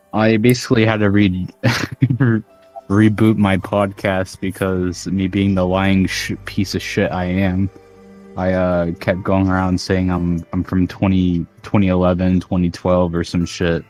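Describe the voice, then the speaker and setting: Young man, very low voice, podcast host, crude rambling chat full of fillers, faint music underneath. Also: little pitch movement, measured pace, darkish tone. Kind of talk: casual chat.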